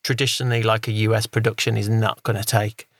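A man's voice: fairly low pitch, level tone, fast, no room sound, clean studio sound. A man talking casually on a podcast, reviewing a show in a rambling, thinking-aloud way. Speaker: podcast co-host. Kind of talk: casual film review chat.

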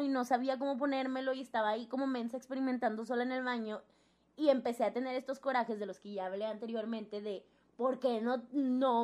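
A young woman with a Mexican accent, telling a personal story in casual chat and acting out the voices of the people in it. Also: on the high side. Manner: animated storytelling, acts out quoted voices.

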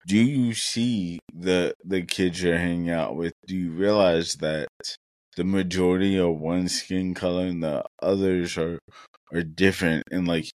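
A man's voice: low voice, fairly even intonation, unhurried, a little mellow, dry recording. A young man co-hosting a casual podcast, talking in an earnest, reflective way and thinking aloud with many fillers. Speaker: podcast co-host.

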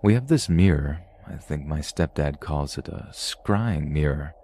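A man with an exceptionally deep, dark-toned voice reads spooky stories aloud as a podcast host. He keeps a steady, measured storytelling pace throughout. Faint room ambience sits under his voice. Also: slight background noise. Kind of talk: reading paranormal stories aloud.

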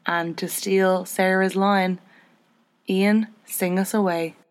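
A young woman hosting a podcast in casual chat, chatty and self-deprecating, her pitch jumping up when she gets excited. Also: slow, background noise. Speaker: podcast host.

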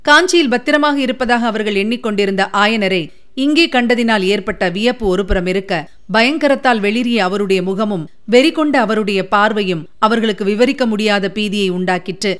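A woman narrating a historical novel as an audiobook, steady and expressive. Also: mid-range voice, moderate pace, clean tone.

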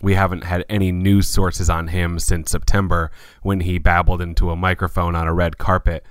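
A man giving casual podcast commentary in a deadpan, wordy, mock-serious way. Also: deep voice, normal speed, smooth, no echo, clean studio sound. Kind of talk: casual chat, dry storytelling commentary.

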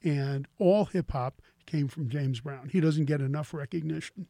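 An older man chatting casually about guitars and musicians, telling stories in a relaxed way with many fillers. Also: on the high side, normal speed, gravelly, dry recording, clean studio sound. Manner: relaxed storyteller, lots of "you know".

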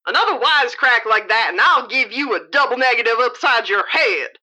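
A woman voicing a blustering, tough prison guard who barks threats loudly and quickly. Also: on the high side, animated, slightly rough, exaggerated voice. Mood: gruff barking. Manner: barking threats, loud and fast.

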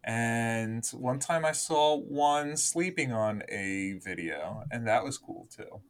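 A man's voice: medium pitch, expressive, slow. A man in casual group chat, goofy and joking, often laughing.

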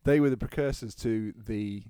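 This English podcast co-host in his thirties spins stories in easy conversation, breaking into laughter frequently. He speaks at a moderate pace in a warm, smooth, low-leaning voice, recorded clean in a studio with no room sound.

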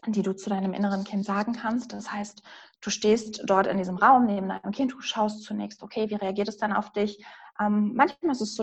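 A woman coach explaining inner-child work in a calm, gentle way during a podcast conversation. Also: mid-range voice, husky. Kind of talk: podcast interview answers.

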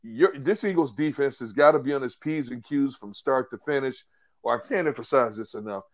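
A man's voice: medium pitch, brisk. Man, sports talk co-host, emphatic, analytical, restarts often.

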